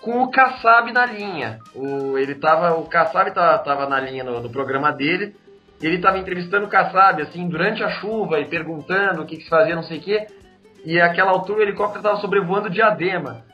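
A Brazilian man journalist telling a newsroom anecdote casually, with halting restarts. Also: sits high. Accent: Brazilian Portuguese. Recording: muffled audio with faint music.

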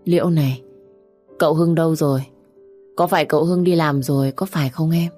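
A woman's voice: low-pitched, steady tone, fairly quick, mellow, soft background music. A woman voicing a distraught young widow who keeps frantically asking where her husband is. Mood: dazed. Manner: pleading, frantic questioning. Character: young grieving wife, distraught and insistent.

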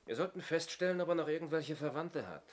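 A little high and fast, this man's voice stays close to everyday speech. He's an actor voicing an inspector's sharp-eyed assistant in a 1970s radio play, musing dryly and wryly, heard through a noisy old recording.

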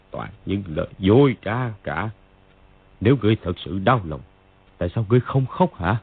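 Casting: a bitter, unhinged old stranger, raspy, low, swinging wildly in pitch; tinny dry recording. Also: male voice, big pitch swings, a little fast. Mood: raging. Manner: brooding, bursts into angry shouts. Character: grief-crazed old male stranger, bitter and wild. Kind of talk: audiobook character voice.

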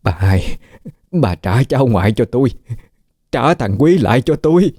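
Guy putting on a sobbing old granny voice, high and pleading. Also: sing-song, normal speed, dark tone, no room sound, studio quality. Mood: wailing. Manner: wailing, pleading. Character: grieving old grandmother.

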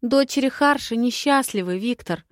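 A woman voicing a hot-tempered young heroine who shouts back defiantly in an audiobook. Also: a little high, moderate pace, no echo, clean studio sound, pitched above the performer's own voice, natural voice. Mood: defiant, angry.

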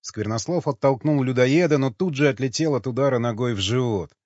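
A man narrating an audiobook with a steady, expressive reading. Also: mid-range voice, a little fast, dry recording. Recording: dull dry lo-fi sound.

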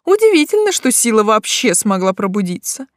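A woman voicing a brash, pushy witch who mentors a young girl, scolding her with lively swings of pitch. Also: fairly quick, no echo, clean studio sound.

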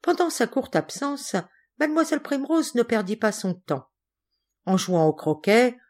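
A woman reading a classic children's novel aloud as an audiobook, in a clear, measured storytelling voice. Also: lowish voice, darkish tone. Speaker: audiobook reader.

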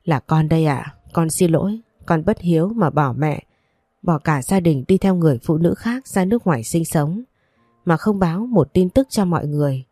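A woman's voice: deep voice, lively intonation, normal speed, dark tone, breathy edge, no echo, clean studio sound. A woman voicing a remorseful middle-aged father in a storybook reading, speaking in a pleading, apologetic way.

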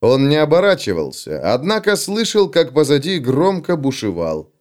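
A man reading an audiobook aloud in an expressive, scripted narration. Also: on the high side, moderate pace.

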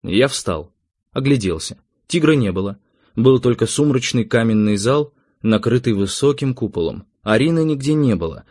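A man narrating an audiobook in an expressive, measured storytelling voice. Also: medium pitch, no echo, studio quality.

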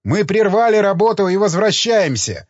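A man's voice: sits high, sing-song, moderate pace, no echo, voice pushed up. A man reading an audiobook, voicing a short-tempered male helmsman who barks impatient orders, in a slightly muffled dry recording. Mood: urgent shouting.

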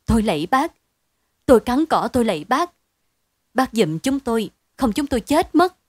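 Frightened villagers beg and implore for help in a high, urgent voice. A woman narrator plays them in a close, dry storybook reading. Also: sing-song, normal speed, a little mellow, husky, no room sound. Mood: pleading. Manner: pleading, imploring. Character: desperate begging village neighbors.

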